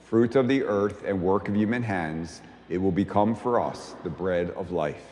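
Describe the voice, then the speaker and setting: Solemn priest in a reverberant church. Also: male voice, deep voice, a little mellow, a little hiss or hum. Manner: solemn measured intoning. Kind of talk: liturgical Mass prayers. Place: large church.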